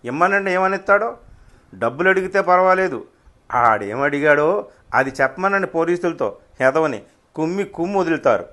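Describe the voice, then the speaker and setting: A man's voice: fairly high pitch, lively intonation, normal speed, sharp tone, voice pushed up. A man voicing a feisty working-class woman food vendor who scolds in blunt street talk. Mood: indignant.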